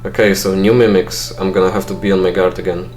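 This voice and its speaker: This let's play gamer, a young Polish man speaking accented, non-native English, talks quickly in a low, level, slightly mellow voice. His commentary is dry and self-mocking, full of thinking-aloud fillers.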